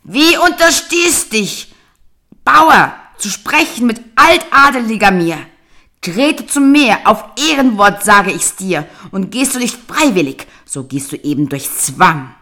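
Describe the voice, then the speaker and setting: A woman's voice: on the high side, lively intonation, slow, sharp tone, pitched above the performer's own voice, heavily acted. A woman voicing a greedy, quarrelsome old peasant wife who screeches orders at her husband in a storybook reading. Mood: shrieking scolding. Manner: screeching, scolding, commanding.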